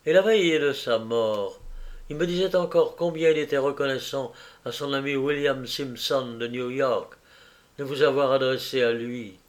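A man narrating a novel in a measured, even audiobook reading. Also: mid-range voice.

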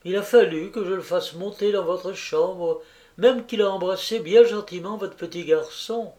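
A chattering, kindly older landlady who gushes in a lifted, higher voice, piling one exclamation on another, as a male reader puts her on. Breathless and effusive in her fussing. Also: moderate pace, dark tone, natural voice. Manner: breathless, gushing, full of exclamations.

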